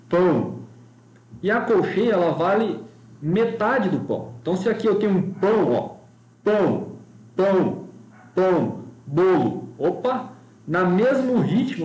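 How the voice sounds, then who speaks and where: A man's voice: a little high, a little mellow. Man teaching music in an echoey room. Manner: patient, explains step by step and chants rhythm syllables to demonstrate. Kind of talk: recorded online music lesson.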